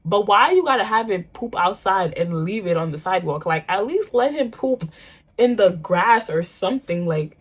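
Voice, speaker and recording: Chatty young New York woman, husky. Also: mid-range voice, normal speed. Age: young adult. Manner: chatty, animated storytelling with slang. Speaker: vlogger. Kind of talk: casual chat while getting ready.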